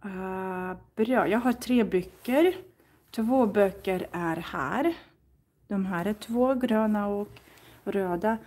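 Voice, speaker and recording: A woman's voice: medium pitch, darkish tone. A woman chatting casually to viewers as she browses and borrows books in a library, thinking aloud and reading titles out. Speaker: Swedish teacher and vlogger.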